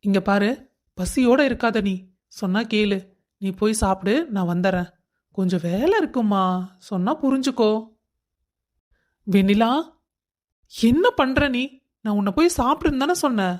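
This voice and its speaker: A woman voicing a young, busy husband who coaxes and gently scolds his wife. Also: mid-range voice, moderate pace, long pauses, natural voice. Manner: coaxing, affectionate scolding.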